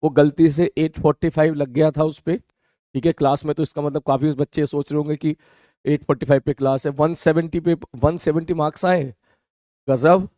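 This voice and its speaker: A man teaching a live online physics class who has a mouth ulcer and talks slower than usual. He keeps asking his students whether his point is clear. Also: fairly high pitch, steady tone, dark tone, no room sound, clean studio sound. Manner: addresses students as beta, checks understanding.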